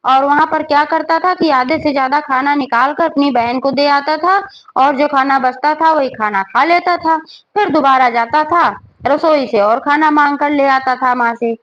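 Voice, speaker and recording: A woman's voice: high-pitched, lo-fi sound. A woman narrating a devotional folk story in a plain, homely way, with everyday fillers and asides.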